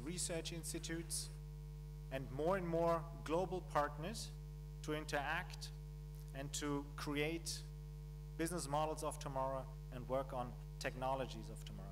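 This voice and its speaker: A man giving a keynote at a conference, speaking in measured phrases with pauses and fillers. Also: a little high. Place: conference hall. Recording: mains hum in background.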